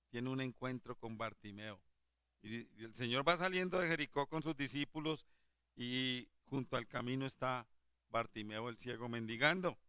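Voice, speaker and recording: A man preaching a Sunday sermon, fervent and emphatic at times, dropping to a soft, tender voice when quoting Jesus. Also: medium pitch, clear, resonant tone, dry recording, clean studio sound. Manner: fervent, rising to emphatic exhortations. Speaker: lay preacher.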